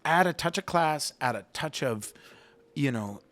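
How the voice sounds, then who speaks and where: A man hosting a podcast, talking in a relaxed, chatty way full of fillers. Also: a little high, measured pace. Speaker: podcast host. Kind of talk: casual podcast interview.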